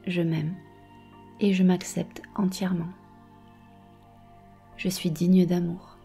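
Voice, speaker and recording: A woman guiding a meditation softly and slowly, close in your ear, with a breathy voice that often slips toward a whisper. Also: lowish voice, level tone, soft background music. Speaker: meditation and hypnosis guide. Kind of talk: guided meditation, soft and slow.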